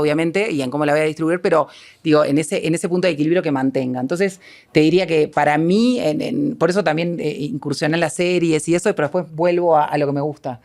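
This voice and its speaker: This panel guest, a film producer with a Uruguayan accent, has a low voice. She responds haltingly and self-deprecatingly, thinking things through aloud.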